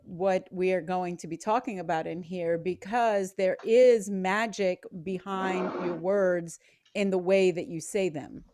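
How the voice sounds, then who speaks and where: A woman hosts a relaxed conversation, explaining ideas and laughing easily between points. Her voice sits in a middle range. The recording is dry and close. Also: medium pitch, dry recording. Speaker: podcast host. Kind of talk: casual chat.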